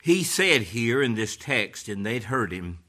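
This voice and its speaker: A man preaching a sermon with a folksy delivery, moving from hushed passages to loud, emphatic ones. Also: medium pitch, very animated, measured pace.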